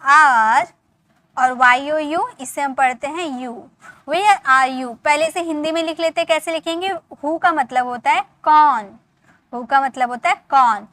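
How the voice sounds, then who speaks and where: A woman with a high, bright and forceful voice teaches beginner English at a measured pace, explaining in Hindi in a dry recording. Patiently, she spells out words, repeats pronunciations and puts questions to the viewer.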